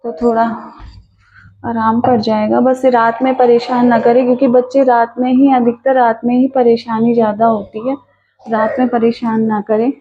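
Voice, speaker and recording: Woman, higher voice, casual home vlog, weary, dull lo-fi sound. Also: flat delivery, normal speed. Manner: weary, soothing a sick child. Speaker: mother vlogging at home. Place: home kitchen.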